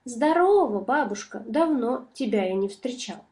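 A woman voicing a small, clever, boastful male mouse with a squeaky, cheeky voice in a storybook reading. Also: lively intonation, unhurried, a little mellow.

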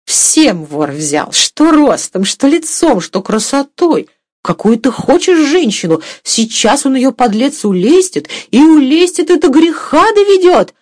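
A woman voicing a rough, sharp-tongued peasant cook who scolds in loud, drawn-out exclamations. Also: sits high, sing-song, no room sound, studio quality, pitched above the performer's own voice. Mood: scolding.

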